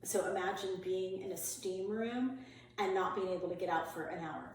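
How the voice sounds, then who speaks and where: A woman guest in a podcast interview, telling a personal story in a candid, chatty way, dropping softer and lower in the painful parts. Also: moderate pace, slight background noise. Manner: candid and chatty, with frequent "like" and "you know" fillers. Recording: very echoey room, voice far from the mic.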